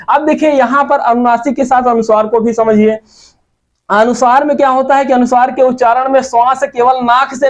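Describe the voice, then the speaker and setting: A man with an eastern Uttar Pradesh Hindi accent teaching a grammar lesson, who repeats example words slowly and quizzes his students with questions. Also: very high-pitched. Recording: muffled lo-fi sound.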